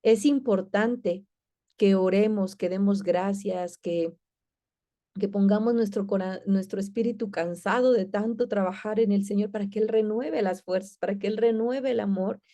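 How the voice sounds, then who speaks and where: A woman leads a Bible lesson, explaining in a relaxed, talky manner. She often pauses on fillers and restarts her sentences. Her voice is soft and dark in tone. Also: medium pitch. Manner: warm, conversational, with many fillers and restarts. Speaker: Bible class teacher.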